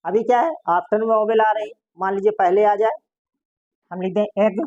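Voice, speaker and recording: A woman teaches a classroom-style lesson at a middle pitch. She keeps asking her class questions and answering them herself. The recording is dry and close, with a dull, lo-fi tone. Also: steady tone, normal speed, dark tone, no echo. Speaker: shorthand teacher.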